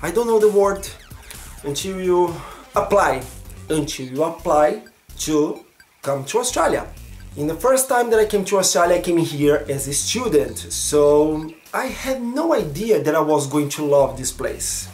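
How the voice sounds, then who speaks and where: A young man from Brazil with a Brazilian Portuguese accent, speaking English as a second language in an expressive personal vlog, sometimes searching for words. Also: a little high, unhurried, reverberant, faint music behind. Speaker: vlogger.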